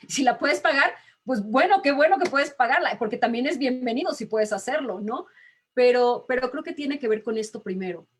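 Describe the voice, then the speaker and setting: A woman voice teacher, talking emphatically in a relaxed interview and laughing often. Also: high-pitched, moderate pace, breathy edge. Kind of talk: casual video-call interview.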